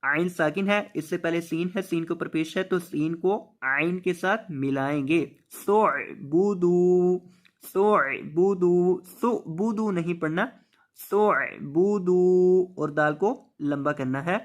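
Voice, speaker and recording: A man teaching Quran reading. He draws the verses out slowly, then explains the tajweed rules briskly and repeats each word. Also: a little high. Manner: repeats words and asks rhetorical questions. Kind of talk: tajweed lesson, slow drawn-out recitation then quick explanation.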